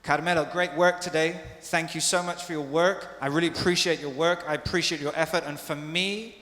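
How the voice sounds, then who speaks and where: Lively teacher in an echoey hall. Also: male voice, fairly high pitch. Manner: lively, drills words slowly, switches between English and Spanish. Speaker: English teacher. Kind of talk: bilingual pronunciation class. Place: hospital lecture hall. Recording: echoey hall with long reverb.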